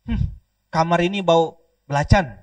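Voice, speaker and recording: A man doing a grumpy old grandpa shouting. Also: a little high, measured pace, no room sound, recorded from a distance, close to an everyday voice. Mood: grumbling. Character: grumpy old grandfather sniffing around, stubborn.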